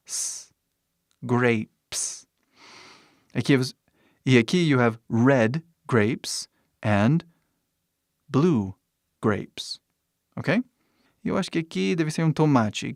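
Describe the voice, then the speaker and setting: Slow, patient male language teacher. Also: mid-range voice, a little mellow, no echo, clean studio sound. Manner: patient, repeats words slowly and adds little checks of understanding. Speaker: English teacher. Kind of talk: vocabulary lesson explaining words and pronunciation.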